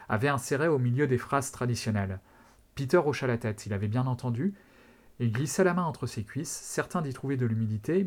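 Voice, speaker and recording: A podcast host reading a novel excerpt aloud in a steady, measured way. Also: male voice, medium pitch. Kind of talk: dramatic read-aloud narration.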